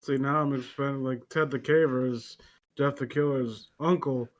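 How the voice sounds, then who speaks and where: A man's voice: mid-range voice, steady tone, normal speed. Playful man joking around. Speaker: podcast co-host. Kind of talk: casual chat.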